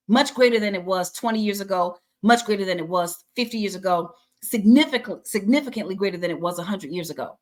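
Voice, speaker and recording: A middle-aged woman leads a personal finance webinar, her voice sitting a little high. She speaks with an encouraging, preacher-like rhythm and leans on repetition to drive points home. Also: a bit bright. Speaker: financial educator. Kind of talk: webinar teaching with Q&A.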